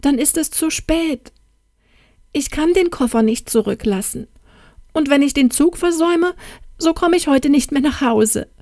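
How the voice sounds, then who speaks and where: Brief: anxious, shy young woman, put on by a female narrator, high and pleading. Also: darkish tone, no echo, clean studio sound. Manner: anxious, pleading, quickly rising high tones.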